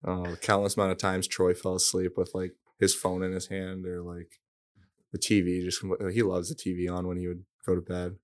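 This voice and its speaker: A man's voice: sits low, completely flat delivery, moderate pace. A young man, a pro athlete guest, telling teasing stories about his old roommate in casual chat, often laughing. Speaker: guest, pro hockey player.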